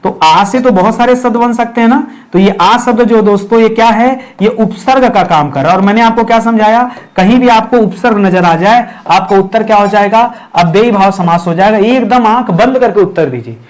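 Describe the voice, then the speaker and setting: A man's voice: sits high, a little fast, hardly any pauses. A man teaching a grammar lesson for exam preparation, repeating key terms and checking in with his listeners.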